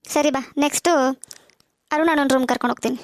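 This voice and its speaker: Woman voicing a bossy cartoon teen girl, high voice, quick and sassy, dry sound. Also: steady tone, no echo, close to an everyday voice. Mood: chatty. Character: bossy teenage girl who bickers with her brother. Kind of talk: cartoon voice acting.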